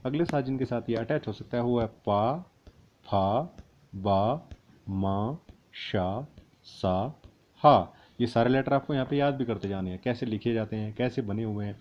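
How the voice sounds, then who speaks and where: A man teaches a grammar lesson in an ordinary mid-range voice. He spells the letters out one by one, slowly, then says the whole word again. The recording sounds a little dull and lo-fi. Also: mid-range voice. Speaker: language teacher.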